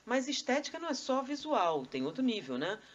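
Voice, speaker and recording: A woman's voice: on the high side, very animated, fairly quick, muffled recording. A woman with a Brazilian accent giving a live spiritist lecture, full of rhetorical questions and conversational asides. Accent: Brazilian Portuguese. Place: spiritist society meeting hall.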